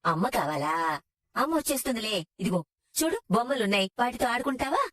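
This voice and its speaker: An older woman playing a grandmother who gently soothes and reassures her family. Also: fairly high pitch, very animated, fast talker. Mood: soothing. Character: grandmother soothing a crying baby. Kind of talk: Telugu TV serial acting.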